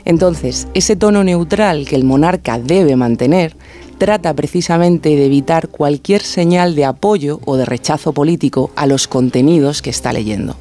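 A man's voice: on the high side, normal speed, warm tone, faint music behind. A man giving a didactic explanatory segment as a radio contributor, talking in carefully paced explanations. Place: radio studio.

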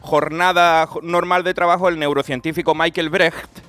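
Jokey higher-voiced radio comedian. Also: male voice, little pitch movement, moderate pace, a bit bright. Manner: jokey, laughing, acts out voices. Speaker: comedian co-host. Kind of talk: casual radio chat.

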